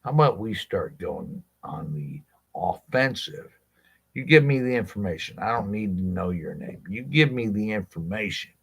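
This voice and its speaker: A man's voice: fairly low pitch, lively intonation, moderate pace, vocal fry, slightly rough. A man, a legal rights advocate, speaking directly to his viewers in a blunt, impassioned monologue, swearing freely and asking rhetorical questions.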